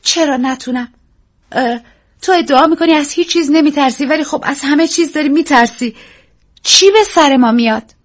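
A woman reading a story, voicing a frightened young woman with high, urgent, anxious lines. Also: lively intonation. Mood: anxious, excited.

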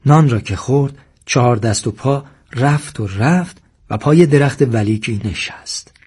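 Brief: husky male narrator, measured audiobook storytelling, mid-pitched. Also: darkish tone.

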